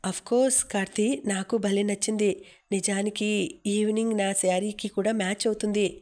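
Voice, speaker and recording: A woman voicing a gentle, fond young woman in an audiobook. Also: mid-range voice, steady tone, normal speed, lightly acted. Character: young woman, warm birthday girl.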